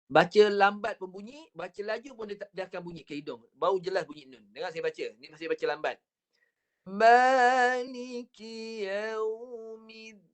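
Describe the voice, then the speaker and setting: A man with a Malaysian Malay accent leads an online recitation lesson over a computer mic, his voice sitting a little high. He drills each sound patiently, counting off repetitions and drawing out words very slowly as he demonstrates. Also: steady tone, fairly bright tone. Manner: stretches words very slowly when showing the recitation. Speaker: Quran recitation teacher. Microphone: computer mic on a video call.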